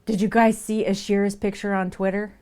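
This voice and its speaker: A woman's voice: medium pitch, flat delivery, brisk, darkish tone, clean tone. A woman live streaming as she works on a craft project, chatting casually and thinking aloud as she goes.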